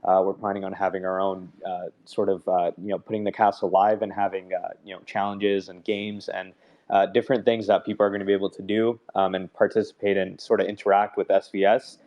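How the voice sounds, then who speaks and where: A man with a low, monotone voice talks through an update in a live audio chat. He explains in a relaxed way, with frequent fillers and restarts. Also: fairly quick, dull audio. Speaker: project team member.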